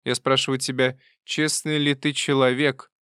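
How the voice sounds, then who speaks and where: A man voicing a brisk, bossy old aunt with a fussy, chiding, loud manner. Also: mid-range voice, little pitch movement, clean tone, dry recording, clean studio sound, pitched above the performer's own voice, lightly acted. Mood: probing.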